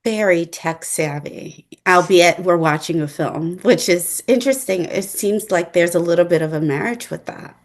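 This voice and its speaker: A woman hosting an interview as a psychologist, speaking in a measured, reflective way with academic phrasing. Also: lowish voice. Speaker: host and psychologist. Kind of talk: interview conversation.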